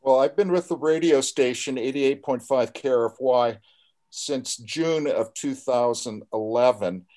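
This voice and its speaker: An older American man with a mid-range voice talks as a community radio host. His delivery is conversational, earnest and measured. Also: medium pitch, mellow. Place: remote group video call.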